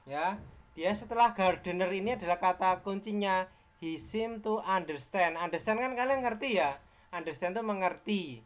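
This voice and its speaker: A man's voice: high voice, moderate pace. A man with an Indonesian accent teaching an exam-prep lesson, explaining step by step, quizzing his students and repeating key words.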